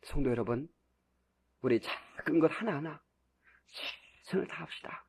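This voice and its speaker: A male pastor preaching a sermon with fervor. He swings between quiet asides and loud, shouted peaks, and he chuckles often as he makes his points. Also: on the high side, normal speed, creaky, a little hiss or hum.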